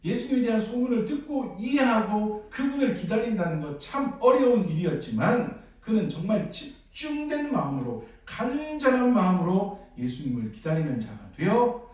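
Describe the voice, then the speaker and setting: A male pastor with a Gyeongsang accent preaches in a high, lively voice and keeps putting questions to his congregation. He sounds far from the mic. The sound booms around a big echoing church sanctuary. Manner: animated, asks the congregation questions. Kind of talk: sermon.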